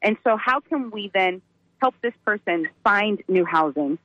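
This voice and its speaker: A woman's voice: medium pitch, animated, a little slow, sharp tone. A woman social worker guesting on a radio show over a clipped phone line, talking thoughtfully and hedging with fillers. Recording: dull dry phone line.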